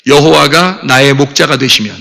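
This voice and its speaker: A male pastor preaching a Sunday sermon in a church, animated and acting out the inner voices of his listeners. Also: mid-range voice, moderate pace, vocal fry. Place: church sanctuary. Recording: long church hall reverb.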